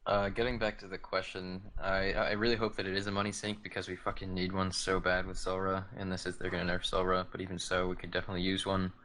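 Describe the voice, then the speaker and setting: A male guest with a very deep, almost monotone voice that still sounds bright and tense. He talks casually, offering steady opinions with the odd curse. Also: fast, hardly any pauses, slight background noise. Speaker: podcast guest. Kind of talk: casual chat.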